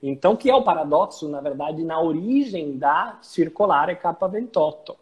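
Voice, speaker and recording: A Brazilian man with a somewhat husky voice walks through legal details in an easy conversational way. He speaks a little higher than most men and often stops on fillers to search for the right word. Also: expressive, normal speed. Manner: explanatory, hesitant with frequent fillers.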